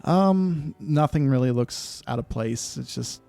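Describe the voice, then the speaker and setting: Brief: dark, gravelly male game master, unhurried scene-setting. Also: mid-range voice, expressive, faint music behind. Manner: measured descriptive narration with many fillers. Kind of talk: narrating a tabletop game.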